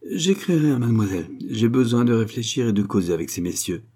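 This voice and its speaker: A man's voice: mid-range voice, animated, fast talker, dark tone, slightly rough. A man reading the lines of a cautious old theatre director, reserved and noncommittal. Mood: guarded.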